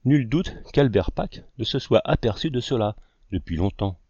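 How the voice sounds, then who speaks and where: A man's voice: medium pitch, normal speed, breathy edge, dry recording, lo-fi sound. A man reading as a teasing older uncle. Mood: dry. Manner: deadpan teasing.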